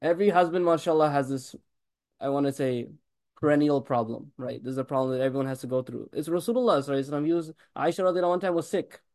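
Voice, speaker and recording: Man preaching, very fast delivery, high voice, emphatic, rhetorical questions, religious talk. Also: darkish tone. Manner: rapid, emphatic preaching with blessings on the Prophet woven in. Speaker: religious teacher.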